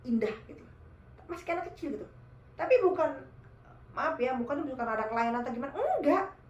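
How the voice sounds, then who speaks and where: A woman casually telling a true horror story, animated and speaking directly to her listeners. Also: high-pitched, fairly quick, echoey room, dull audio. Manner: animated, addresses listeners as guys.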